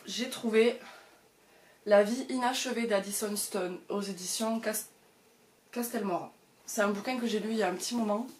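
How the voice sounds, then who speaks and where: A woman's voice: mid-range voice, normal speed, pauses often, slight background noise. A woman chatting casually to the camera about her books at home, with lots of hesitations and fillers. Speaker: book vlogger.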